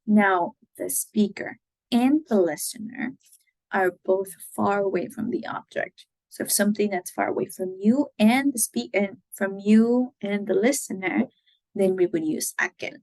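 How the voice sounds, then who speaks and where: A woman teaching Spanish grammar, giving example sentences slowly and checking in with "right?" as she goes. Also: medium pitch, darkish tone, no echo, poor audio. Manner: slow, careful model sentences, frequent "right?" checks. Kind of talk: explaining grammar.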